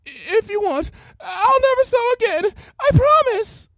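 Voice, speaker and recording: Woman playing a shy little pegasus mare, storybook, very high squeaky voice, stammers a lot. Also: animated, moderate pace, no echo. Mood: frightened, pleading. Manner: stammering, breathy and pleading. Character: timid gentle young female pegasus pony.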